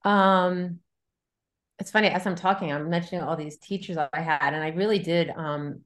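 The speaker is a middle-aged woman, a novelist in a laid-back interview on writing, whose thoughts come out in meandering, looping sentences. She has a lowish voice with a steady tone at a normal pace.

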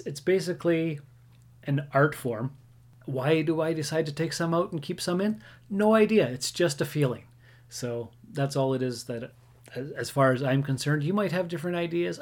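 A man's voice: fairly high pitch, darkish tone. A man hosting a solo podcast, talking casually in a rambling, self-deprecating, conversational way. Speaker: podcast host.

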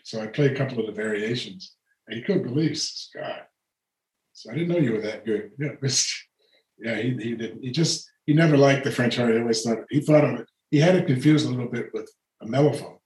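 A man's voice: mid-range voice, a little fast, a little mellow. An older man spins long, meandering stories about his past, breaking off to chuckle and starting sentences over. His voice sits in the middle range for a man. The sound carries a noticeable echo, as if he is in a bare room. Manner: rambling anecdotes with frequent laughter and restarts. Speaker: guest, retired orchestral horn player. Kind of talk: relaxed storytelling conversation.

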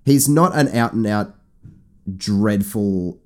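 A man's voice: lowish voice, animated, slow pace. A man co-hosting a casual podcast chat, enthusiastic and rambling with restarts. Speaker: podcast co-host.

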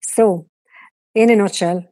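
A woman's voice: mid-range voice, steady tone, slow, mellow, no room sound. A middle-aged woman with a west of Ireland, Galway accent, chatting and explaining as she answers interview questions. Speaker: interview guest, TV producer and presenter.

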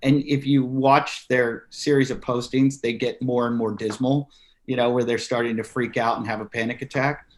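A man's voice: mid-range voice, moderate pace. A man in his forties, a comedian guest on a podcast, telling stories and acting out quotes. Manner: animated storyteller acting out quotes. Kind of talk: podcast interview.

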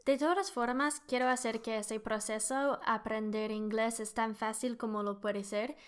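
A woman's voice: a little high, fairly even intonation, unhurried, smooth. A woman who speaks Spanish as a second language, with an English accent, hosting a language lesson and modelling phrases for listeners to repeat. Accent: English-speaking learner of Spanish. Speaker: language teacher, podcast host.

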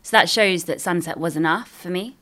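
Bright, lowish-voiced British woman chatting. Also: a little fast. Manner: frank, conversational, swears freely. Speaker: novelist. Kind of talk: casual intimate chat.

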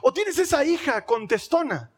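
A male pastor, preaching a sermon in an animated, humorous way, acting out little scenes. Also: extremely high pitch, moderate pace.

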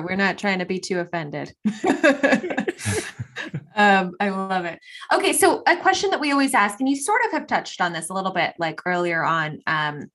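Lively female podcast co-host. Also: medium pitch. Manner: upbeat interjections and laughter. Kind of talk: casual podcast interview.

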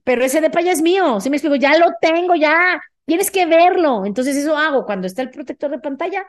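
A woman's voice: sits high, fairly quick. A middle-aged woman with a Mexican accent hosting a motivational podcast, talking emphatically and often checking in with listeners. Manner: energetic, emphatic, often asks "ok?". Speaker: podcast host.

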